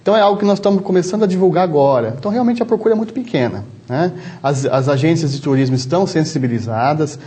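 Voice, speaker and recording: Guy w/ sao paulo interior accent explaining stuff as a doctor, slowish careful answers, restarts a lot, warm mellow tone, bit high for a man. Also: expressive. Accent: São Paulo interior Brazilian Portuguese. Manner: measured, explanatory, many restarts and "né". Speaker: travel medicine doctor, guest.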